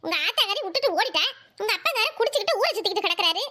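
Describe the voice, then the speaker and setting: A woman voicing a loud, scolding middle-aged aunt in a Tamil village cartoon, shrill and given to wailing. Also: lively intonation, racing, full character voice. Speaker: cartoon character.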